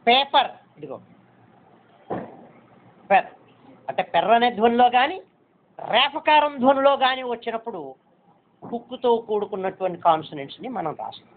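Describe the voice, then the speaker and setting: A man's voice: very high-pitched, expressive, normal speed, pauses often, slight background noise. A man teaching a shorthand lesson step by step, patiently repeating points and checking that students understand. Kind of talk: step-by-step classroom instruction. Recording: tinny phone-like recording.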